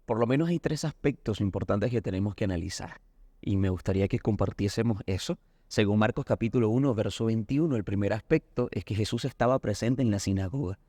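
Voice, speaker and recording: A pastor with a Colombian Spanish accent earnestly teaches a Bible lesson in a recorded discussion, acting out anecdotes as he goes. His voice is lowish and mellow, he talks fairly quickly, and there's no room sound.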